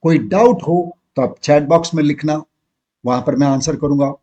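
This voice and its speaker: A man with an Indian English accent teaching an exam-prep lesson, reading sentences slowly and spelling words out letter by letter. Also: fairly high pitch, dark tone, dull audio. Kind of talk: classroom lesson.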